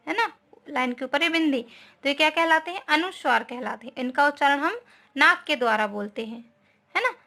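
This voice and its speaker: A woman teaches a grammar lesson in a high, bright voice. She explains patiently, keeps checking understanding with little tag questions, and slips English words into her Hindi. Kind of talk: online class lesson.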